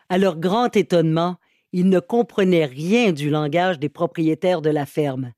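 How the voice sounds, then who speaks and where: A man reading an audiobook excerpt in a measured, even narration. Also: a little high, no echo, clean studio sound. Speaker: audiobook reader. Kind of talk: scripted narration.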